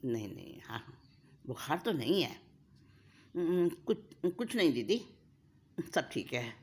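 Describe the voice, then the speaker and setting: A woman voicing an excitable young female college student who talks breathlessly and stammers. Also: deep voice, a little slow, husky, heavily acted. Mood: flustered.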